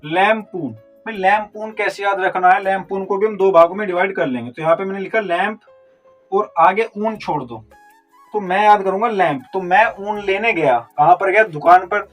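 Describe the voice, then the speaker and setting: A high-voiced man teaches vocabulary through memory tricks, going through each word step by step and answering his own questions at a fairly quick pace. He sounds distant from the mic, with faint music playing underneath.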